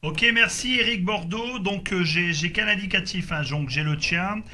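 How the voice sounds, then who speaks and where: Working as a radio operator during a group contact, a man chats casually in a high, bright, forceful voice at a moderate pace. He sounds hesitant and keeps repeating his confirmations.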